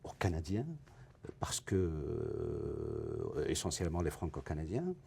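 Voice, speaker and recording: A male novelist, originally from Africa, answering questions in a television interview, thinking aloud and searching for his words, with many pauses. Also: rumbling low, huge pitch swings, creaky, warm tone, breathy edge. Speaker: novelist guest. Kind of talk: TV interview, reflective.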